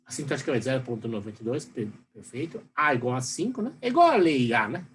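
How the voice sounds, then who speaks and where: A Brazilian professor giving a recorded lecture, rambling and tagging questions onto most sentences. His pitch swings widely as he explains, and a faint hiss of background noise sits under his voice. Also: sing-song, quick pace. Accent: Brazilian Portuguese. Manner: rambling, full of fillers and tag questions. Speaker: university professor.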